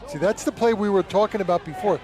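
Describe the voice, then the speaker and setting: A man's voice: sits high, fast talker, poor audio. A man working as a football color commentator, analyzing plays and formations in a conversational way. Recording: loud music and crowd behind the voice.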